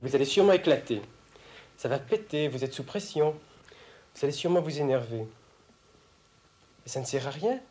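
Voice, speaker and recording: A young man confronting his analyst in a heated argument, provocative, swinging between raised voice and hushed tones, caught on a portable tape recorder in an office. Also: mid-range voice, lively intonation, moderate pace, long pauses. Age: young adult. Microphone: hidden portable tape recorder.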